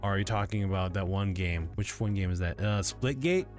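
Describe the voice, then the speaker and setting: Speaking fairly quickly in a deep voice over faint music, this male streamer sounds drowsy and keeps yawning. He rambles to his viewers from his gaming setup at home, full of filler words.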